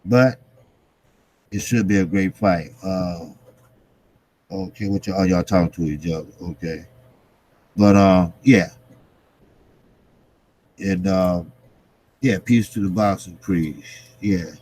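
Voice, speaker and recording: Slow-talking man chatting about boxing. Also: sits low, a little mellow, slight background noise, rough recording. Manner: repetitive, emphatic phrasing with trailing pauses; informal, slangy, occasional swearing. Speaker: boxing vlogger, host. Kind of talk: casual boxing commentary to live chat viewers.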